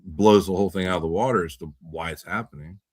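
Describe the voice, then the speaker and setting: Deep-voiced man rambling in casual talk. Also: fast talker, darkish tone, slight background noise. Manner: rambling, repeats words, swears when riled. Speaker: podcast host. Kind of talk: casual political chat.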